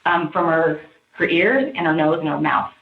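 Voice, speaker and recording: A woman with a lowish voice recounting events to police in a fast, pressured, animated way. The audio is thin and phone-like, and the bare interview room echoes around her. It sounds like archive police footage.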